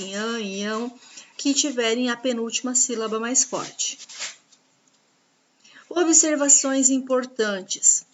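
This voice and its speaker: A woman teaching a grammar lesson, patiently explaining rules and spelling out examples slowly. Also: a little high, muffled recording, a little hiss or hum. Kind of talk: grammar lesson over slides.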